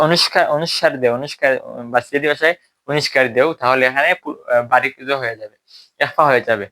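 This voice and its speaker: A recitation teacher walks his students through the rules one step at a time, often asking whether they follow. His voice is bright and forward, and he sits at a medium pitch. When he models an example, he draws it out slowly. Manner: explains step by step and checks understanding with questions. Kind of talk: explanatory Tajweed lesson.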